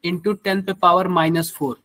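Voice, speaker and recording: A man's voice: sits high, flat delivery, measured pace, pushed and bright, no room sound. A man with a Hindi accent teaching a live online chemistry class, quizzing students and using everyday examples.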